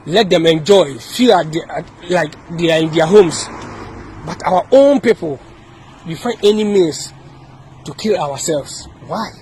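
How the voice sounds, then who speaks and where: A man's voice: fairly high pitch, animated, measured pace, a little mellow, a little hiss or hum, poor audio. A man from Ghana with a Ghanaian accent delivering an impassioned video message, repeating his points and often restarting his sentences. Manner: repetitive, emphatic, with many restarts. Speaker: activist speaking to camera.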